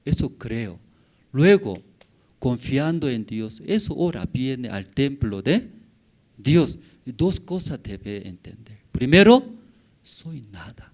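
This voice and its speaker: A man preaching a sermon as pastor, with halting phrasing and many questions to the congregation, swinging from loud exclamations to quiet murmurs. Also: medium pitch, very animated. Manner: asks the congregation frequent rhetorical questions.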